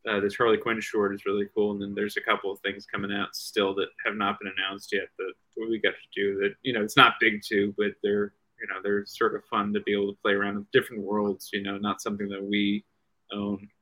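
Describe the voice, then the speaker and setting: A man with a lowish but bright, forward voice talks loosely as an interview guest. He circles through his thoughts, restarting phrases and filling gaps with "you know.". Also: completely flat delivery, a little fast, poor audio. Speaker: guest comic writer. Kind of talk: casual video-call interview.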